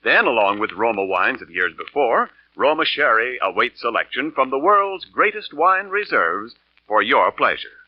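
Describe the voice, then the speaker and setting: This man announces for a 1940s radio show, reading scripted sponsor copy with polished, emphatic salesmanship. His mid-range voice has a sing-song lilt at a moderate pace. Captured dry on a studio radio microphone, it sounds like a muffled old broadcast with faint music.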